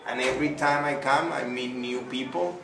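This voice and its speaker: A man's voice: medium pitch, steady tone, normal speed, gravelly. A middle-aged man from Venezuela, chatting effusively with lots of fillers as a guest answering interview questions. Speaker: artist interviewed by a child. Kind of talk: casual interview. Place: small indoor room. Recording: echoey room, distant mic, noisy.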